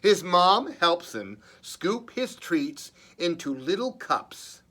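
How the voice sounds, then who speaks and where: At a children's story time, a male librarian reads aloud in a voice that sits high, expressive and deliberate. He adds playful, chatty asides.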